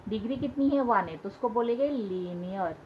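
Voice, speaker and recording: A woman's voice: medium pitch, animated, normal speed. A woman teaching a school maths lesson, patiently repeating key points and asking questions as she explains. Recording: dull lo-fi sound with faint hiss.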